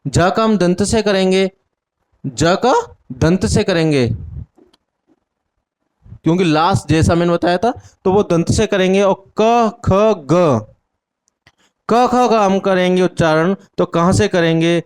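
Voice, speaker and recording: A man's voice: sits high, slow pace, long pauses, clean tone. A man teaching an exam-prep Hindi lesson, asking questions and answering them himself while repeating the key words. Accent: Indian Hindi.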